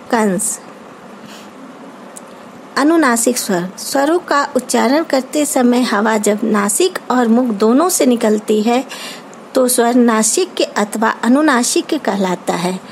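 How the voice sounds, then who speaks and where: A woman teacher with an Indian accent giving an online grammar lesson, explaining terms slowly and carefully, as if dictating. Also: on the high side, a little hiss or hum, low-quality recording. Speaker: school teacher.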